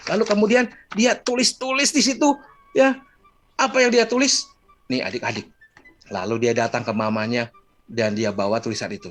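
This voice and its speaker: Brief: male children's storyteller, lively pitch, calls out to the kids, faint music under. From Indonesia. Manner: animated, addresses children directly. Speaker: Sunday school storyteller.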